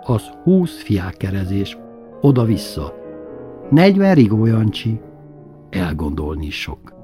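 A man reading a childhood memoir aloud as narrator, in a subdued, intimate storytelling manner with a husky voice. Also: on the low side, very animated, dark tone, faint music behind.

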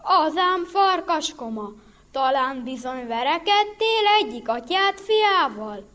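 A woman's voice: sits high, expressive, fairly bright tone. A woman voicing a jolly, boastful male bear in a read-aloud animal tale. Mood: mocking. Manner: hearty, boastful, laughing at others. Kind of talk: storybook reading.

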